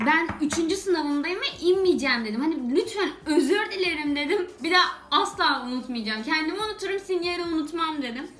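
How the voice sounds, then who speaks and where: A young woman vlogger telling a funny personal story to camera in an animated way, exclaiming and laughing between lines. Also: very high voice, fast, few pauses. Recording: echoey room with background music.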